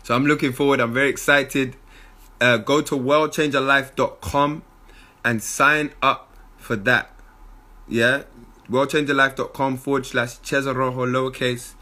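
A man giving a lively motivational talk as a spiritual coach, often laughing. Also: mid-range voice, measured pace. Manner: animated, bursts into shouted impressions and laughter.

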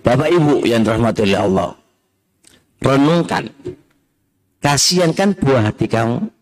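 A man's voice: mid-range voice, animated, moderate pace. A middle-aged man with an East Javanese accent giving a religious study lecture, mixing in Javanese phrases and addressing listeners directly. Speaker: Islamic religious teacher.

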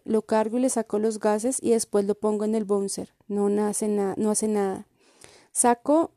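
A woman reading a first-person literary story in a calm, measured way. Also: mid-range voice, no echo, studio quality. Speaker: reader.

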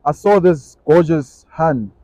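A man's voice: on the high side, lively intonation, slow, dark tone, no room sound, highs cut off. A young man in his twenties co-hosting a podcast, teasing and bantering in slangy casual chat. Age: 20s. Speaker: podcast co-host.

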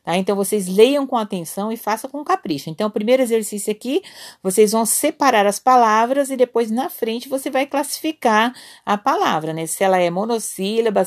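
A woman teacher with a Brazilian Portuguese accent, giving a remote lesson to children in a patient, encouraging way and often checking in with "né?". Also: medium pitch. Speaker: primary school teacher.

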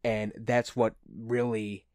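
A man's voice: on the low side, flat delivery, slow, darkish tone, dry recording, studio quality. A man hosting a casual movie review show, talking as an enthusiastic, gushing fan.

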